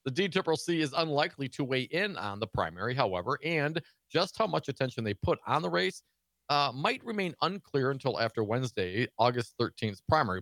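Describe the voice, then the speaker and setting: A man co-hosting a political talk show, laughing easily and tossing in quick, playful replies while reading news. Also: mid-range voice, a bit bright, dry recording. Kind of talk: casual political banter.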